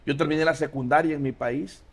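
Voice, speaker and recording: A man speaks as a pastor being interviewed, his voice sitting a little high for a man. He tells his story reflectively, pausing often and filling gaps with soft hesitations. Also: fairly even intonation. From Honduras. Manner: reflective storytelling, many pauses and "eh" fillers. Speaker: pastor, guest. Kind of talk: casual interview.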